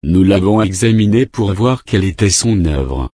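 A man preaching a sermon, reading numbered Bible verses aloud and commenting on each in a measured way. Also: low-pitched, expressive, warm tone, dry recording, studio quality.

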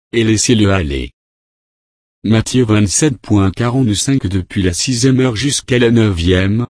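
A man preaching a sermon, reading scripture verses and quotes aloud in a measured, deliberate way. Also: lowish voice, darkish tone, no room sound, clean studio sound.

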